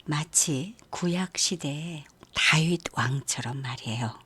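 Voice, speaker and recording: A woman giving a youth sermon in a gentle storytelling manner, asking her listeners questions as she retells a Bible story. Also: deep voice, slow pace, slightly rough. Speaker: youth ministry preacher.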